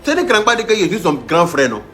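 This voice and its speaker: A man's voice: high-pitched, very animated, quick pace, fairly bright tone, soft background music. Teasing man ranting on a live stream. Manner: mocking and teasing, with stammered restarts. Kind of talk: live-stream rant to viewers.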